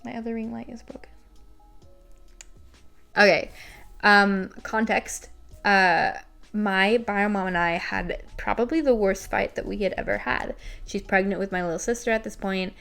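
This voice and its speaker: A woman in her twenties speaks at a middling pitch in a candid, confessional vlog style. She is self-deprecating and conversational as she reflects on personal writing, with faint music underneath. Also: fairly even intonation, unhurried, gravelly, a bit bright. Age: 20s. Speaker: vlogger. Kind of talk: casual confessional talk to camera, reading and commenting on an old journal. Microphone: recorded at home with a ring light set up.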